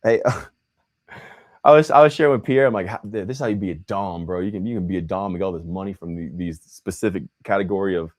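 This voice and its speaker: The host of this casual livestream is a young man with a deep voice who talks fairly quickly, keeping it animated and slangy and saying "bro" and "man" a lot.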